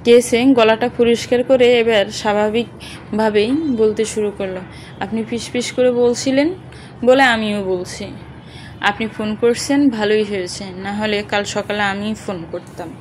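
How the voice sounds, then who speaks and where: A woman's voice: medium pitch, fairly even intonation, measured pace, slight background noise, low-quality recording. A woman reading an audio story aloud, narrating and speaking every character's dialogue in one voice.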